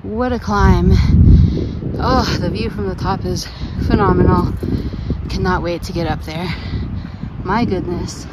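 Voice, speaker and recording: A woman's voice: lowish voice, fairly even intonation, measured pace, heavy background noise. A woman narrating a casual hiking vlog outdoors on a mountain trail, gushing with enthusiasm. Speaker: vlogger.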